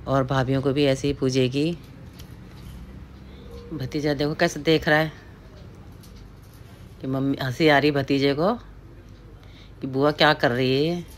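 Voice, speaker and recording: A woman's voice: very deep voice, steady tone, unhurried, long pauses, a little hiss or hum. A middle-aged woman from the hills, chattily narrating a family ritual in a casual voice-over and often addressing her viewers as friends. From Pahari hill region of India.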